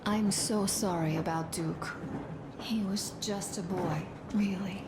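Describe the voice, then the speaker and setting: A young wife in a video game, confiding tenderly in her husband. She speaks slowly and softly, in a reflective, intimate way. There is clear ambient noise behind the voice. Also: medium pitch, fairly even intonation. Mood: mournful.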